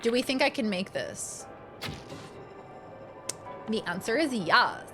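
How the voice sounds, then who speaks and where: A woman with a fairly high voice chats through a live game stream. She is playful, silly and expressive in her casual commentary. Game music plays clearly behind her. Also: slow.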